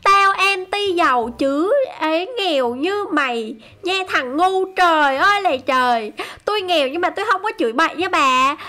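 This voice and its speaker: A woman giving excited, chatty game commentary to her viewers. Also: sits high. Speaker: gaming YouTuber.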